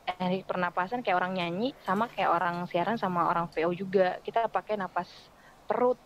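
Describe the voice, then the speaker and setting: A woman's voice: lowish voice, a little fast, slight background noise, poor audio. A woman who works as a radio voice-over artist, chatting casually as a podcast guest and explaining her craft with spoken examples. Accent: Indonesian.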